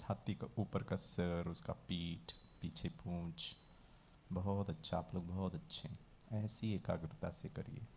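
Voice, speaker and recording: A man working as a meditation trainer, leading a guided visualization with calm, measured instructions. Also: deep voice, vocal fry, a little hiss or hum.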